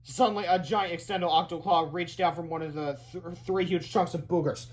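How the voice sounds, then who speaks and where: A man narrates a children's book in a read-aloud, expressive storytelling style, speaking a little fast. His voice is slightly higher than the average man's.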